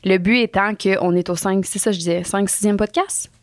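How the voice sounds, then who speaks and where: A woman with a Quebec French accent, co-hosting a podcast in casual chat, with blunt, teasing, deadpan remarks. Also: medium pitch, moderate pace, no room sound, clean studio sound. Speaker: podcast co-host. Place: podcast studio.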